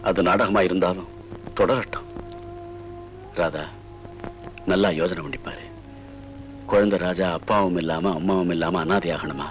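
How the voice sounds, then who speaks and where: A man's voice: deep voice, fairly even intonation, a little slow, long pauses, faint music behind. An actor playing an ailing older father-in-law who speaks in an earnest, pleading way. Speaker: head of the family, father-in-law. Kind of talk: film drama acting.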